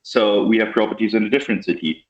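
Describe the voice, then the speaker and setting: A young man with a low voice talks casually as an interview guest, with lots of "like" and restarts. His audio sounds like a roomy, somewhat muffled remote call. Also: steady tone, fast. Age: young adult. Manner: casual, many likes and restarts. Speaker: guest software developer.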